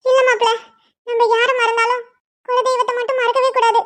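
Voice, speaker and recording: A woman's voice: very high-pitched, flat delivery, a little fast, a bit bright, voice pushed up. A woman voicing a worried, devout grandmother in a cartoon, with a pleading manner. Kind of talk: cartoon voice acting.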